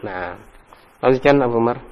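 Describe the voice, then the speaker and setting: A man's voice: medium pitch, normal speed, highs cut off. A man teaching an Arabic grammar lesson, patiently correcting students and praising them often. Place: mosque study hall. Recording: long hall reverb.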